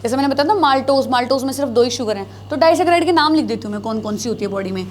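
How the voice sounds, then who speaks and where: A woman's voice: sits high, rapid-fire, slight background noise. A woman teaching a biology class, asking her students questions and answering them herself, repeating key terms as she writes on the board. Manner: repeats key terms, mixing Hindi with English.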